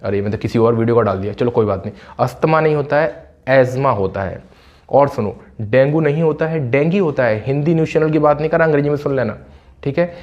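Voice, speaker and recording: A man explains English usage like a friendly classroom tutor, repeating key words slowly for emphasis. His pitch sits in an ordinary middle range. The audio is a little dull and lo-fi. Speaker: spoken English teacher. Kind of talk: casual classroom-style explanation.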